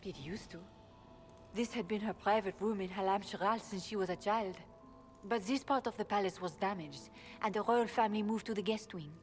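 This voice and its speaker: A woman's voice: medium pitch, normal speed, faint music behind, close to an everyday voice. A woman playing a bitter, guarded elven servant and informant in a video game. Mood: guarded, uneasy. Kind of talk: video game dialogue acting.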